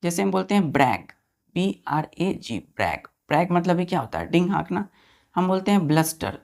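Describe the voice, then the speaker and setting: Her fairly low voice carries vocal fry and a slightly mellow quality. She's giving exam students a vocabulary lesson, spelling each word letter by letter and quizzing them with questions.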